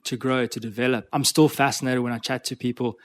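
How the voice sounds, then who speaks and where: A man's voice: medium pitch, steady tone, fast talker. Earnest motivational man on a podcast. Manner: earnest, motivational, repeats words while thinking. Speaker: podcast guest, coach. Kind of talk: conversational interview.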